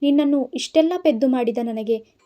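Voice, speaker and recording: A woman's voice: high-pitched, normal speed, highs cut off, close to an everyday voice. A woman voicing a spiteful, scheming young woman who taunts her rival in a storybook reading. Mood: taunting. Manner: taunting, contemptuous.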